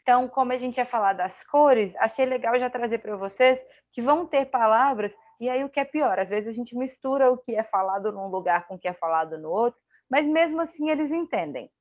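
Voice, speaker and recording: A woman's voice: fairly high pitch, animated, fairly quick, dull audio. A woman with a Brazilian Portuguese accent giving a casual online English lesson, chatty and thinking aloud with self-deprecating asides. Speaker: English teacher.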